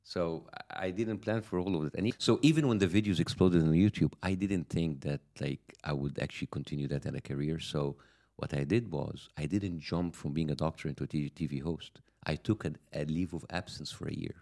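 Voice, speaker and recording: A man in his late forties with a lisp, chatting as a podcast guest, animated and quick to laugh, often restarting his sentences. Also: a bass voice, creaky. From Egypt. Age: 40s. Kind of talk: casual interview chat.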